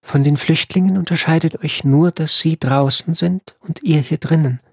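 Man voicing a calm, dry female ambassador. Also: a little high, normal speed, creaky, slightly rough, dry recording, voice pushed up. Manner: calm, dry, matter-of-fact.

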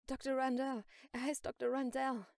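A woman reading an audiobook, voicing an adult saleswoman in an art gallery who speaks in a brisk, matter-of-fact way. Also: sits high, flat delivery, gravelly, a little mellow, no echo, clean studio sound, voice pushed up. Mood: frightened. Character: adult female gallery saleswoman, cool then frightened.

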